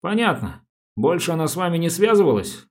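A man voicing a calm, businesslike male police detective who asks polite, measured questions in an audiobook. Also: fairly high pitch, pitched above the performer's own voice. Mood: questioning.

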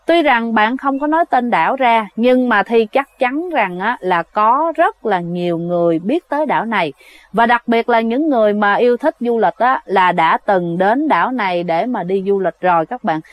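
Woman, casual storytelling, chatty, fairly high voice. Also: lively intonation, moderate pace. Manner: chatty, addresses listeners as "các bạn", many fillers. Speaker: storyteller of ghost stories. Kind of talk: casual spoken storytelling to viewers.

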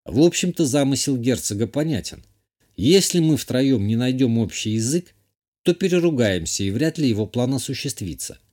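A man reads a first-person audiobook in a steady, even manner. His voice sits at a middle pitch for a man. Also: moderate pace. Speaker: audiobook narrator.

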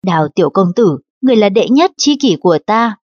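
A woman's voice: medium pitch, expressive, brisk, a little mellow, no room sound, close to an everyday voice. A woman reading the lines of a courteous elderly male host in formal, courtly speech, for an audiobook. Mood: cordial. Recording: dull lo-fi audiobook recording.

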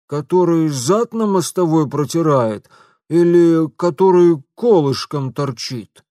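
Guy doing a whiny squealing shopkeeper in a storybook, pitch jumping up. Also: animated, slow, dark tone, no echo, clean studio sound. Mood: indignant. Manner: shrill, whiny, indignant. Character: squealing aggrieved middle-aged male shopkeeper.

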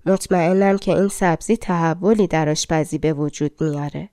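A woman's voice: low-pitched, warm tone, no echo, clean studio sound. A woman reading a fairy-tale audiobook, voicing a pompous male head chef of a palace with a lordly manner. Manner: lordly, skeptical, then impressed.

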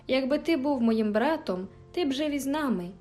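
Storybook teen girl, fiery yet tender, read by a woman, higher voice, faint music behind. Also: animated, normal speed, a little mellow. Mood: indignant. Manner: emphatic, indignant outbursts. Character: spirited teenage girl, quick-tempered but tender.

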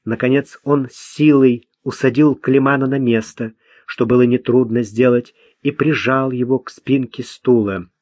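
A man narrating an audiobook in an even, unhurried reading voice. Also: mid-range voice, no echo. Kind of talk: scripted narration. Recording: dull dry lo-fi recording.

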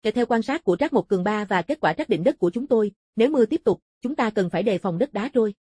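A woman voicing a calm, knowledgeable older male master in a storybook reading, explaining things in a measured way. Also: mid-range voice, slightly rough, dry recording, studio quality.

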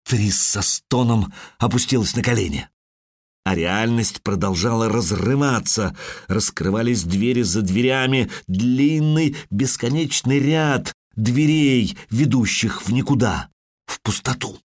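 A man narrating a fantasy audiobook in a measured, dramatic reading on a close studio mic. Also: mid-range voice, dry recording. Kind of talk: scripted narration.

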